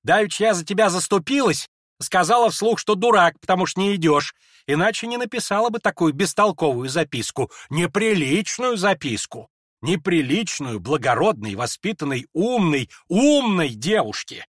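Man doing a proud old noblewoman, shrill scolding outbursts, very high, swinging wildly, dry close sound. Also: animated, normal speed, fairly bright tone, no room sound. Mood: agitated. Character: hot-tempered proud older noblewoman. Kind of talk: dramatized audiobook reading.

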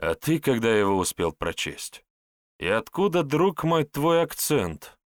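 A blunt, scornful hero, as a male reader puts him on for an audiobook, mocking and plain-spoken in a fairly low voice. The recording is dry and close. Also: animated, moderate pace, fairly bright tone, no room sound. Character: sardonic, blunt young male hero with a sharp tongue.

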